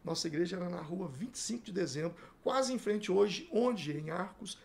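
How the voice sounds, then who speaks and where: Middle-aged man from Brazil, pastor in an interview; raised pitch, gravelly fry, acts out every exchange. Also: normal speed. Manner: animated storyteller acting out dialogue. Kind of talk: telling his life story in a podcast interview.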